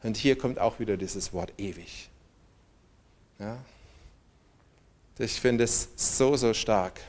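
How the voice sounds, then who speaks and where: A man's voice: fairly low pitch, slow, a little mellow. A man preaching a sermon, reading scripture aloud with strong emphasis and calling on the congregation to respond.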